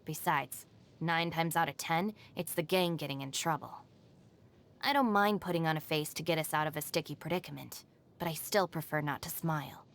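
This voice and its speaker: Over background music, a low, near-everyday voice delivers scripted video game lines. The actress plays a self-reliant, level-headed young woman, keeping things composed, dry and matter-of-fact.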